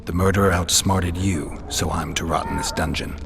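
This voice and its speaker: An actor voicing a jaded monster hunter held prisoner in a video game, dry, deadpan and sarcastic. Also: male voice, deep voice, moderate pace, creaky, soft background music. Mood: dry, resigned.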